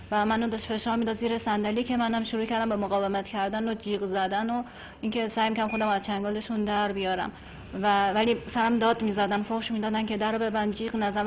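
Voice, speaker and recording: A woman recounting her own experience slowly and flatly. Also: a little high, muffled recording, slight background noise. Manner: slow, flat recounting. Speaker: victim giving testimony. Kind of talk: personal account.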